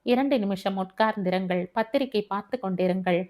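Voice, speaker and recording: A composed, frank woman who questions things openly and stays self-possessed, as a woman reads her in an audiobook. Her voice is medium in pitch. She speaks candidly and steadily. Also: brisk, darkish tone, natural voice. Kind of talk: audiobook dialogue reading.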